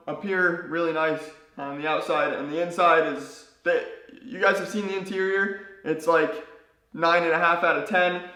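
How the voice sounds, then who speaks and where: A hoarse young man losing his voice, chatting casually to his vlog audience in a garage, rambling with plenty of fillers. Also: high voice. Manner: relaxed, rambling, many fillers. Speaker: car-build YouTuber. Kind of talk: casual vlog talk to camera. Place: home garage. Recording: echoey garage.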